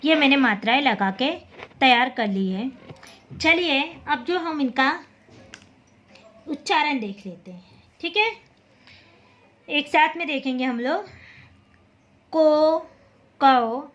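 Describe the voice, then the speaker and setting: A woman teaching a class, reading syllables aloud one by one in a patient, clear drill and quickly correcting her own slips. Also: high voice, fairly bright tone, dull audio. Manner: addresses students as children.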